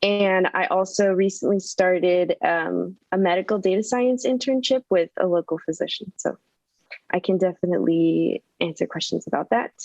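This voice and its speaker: A woman's voice: fairly low pitch, moderate pace, creaky, darkish tone, no echo, lo-fi sound. A young woman from Northern California introducing herself as a student panelist, casual and friendly with frequent ums.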